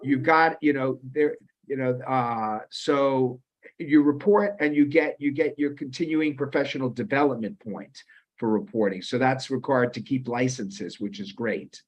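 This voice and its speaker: A man's voice: medium pitch, measured pace. A man in his fifties moderating an online webinar, talking casually with many restarts and quizzing his audience. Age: 50s. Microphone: video call. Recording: muffled lo-fi video call audio.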